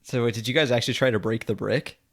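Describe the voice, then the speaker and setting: A man's voice: mid-range voice, steady tone, fast talker. A man co-hosting a podcast in casual chat, hesitant, repeating his words and laughing often. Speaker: podcast co-host.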